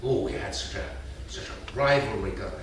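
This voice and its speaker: On a theatre stage, an actor plays a fond, wistful elderly grandfather, recounting old gambling stories in a staged reading full of hesitant pauses and endearments. His unhurried voice is on the low side and expressive, with a nostalgic mood. A distant room mic captures roomy echo and hiss.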